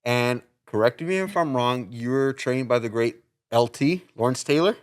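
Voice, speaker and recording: A man's voice: mid-range voice, lively intonation, normal speed, clean tone. A man hosting a podcast, asking an interview guest prepared questions. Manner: brief backchannel, prepared questions. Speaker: podcast host.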